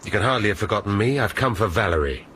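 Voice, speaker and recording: An actor playing a sharp, sardonic police inspector in a radio drama, speaking in a dry, measured way. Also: male voice, lowish voice, expressive, close to an everyday voice. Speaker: detective inspector. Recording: radio drama with background noise.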